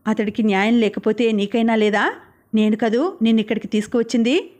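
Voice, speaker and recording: A man's voice: high-pitched, a little fast, lightly acted. A woman reading as a drunk, threatening young man. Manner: menacing, shouted threats. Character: drunk, angry young male mechanic, threatening.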